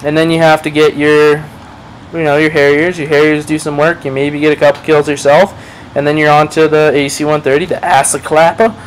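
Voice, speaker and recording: A man's voice: fairly high pitch, monotone, fairly quick, slight background noise, rough recording. A man giving casual gameplay commentary over a match, rambling, swearing freely and playing himself down. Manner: rambling, profane, self-deprecating. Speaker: gaming commentator.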